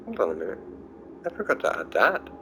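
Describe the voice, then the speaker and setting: A man's voice: deep voice, wildly swooping pitch, fast, gravelly, background noise. A sleepy man casually thinking aloud while testing a weapon in a video game, often trailing off and restarting. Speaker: gameplay streamer. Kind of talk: casual gameplay commentary.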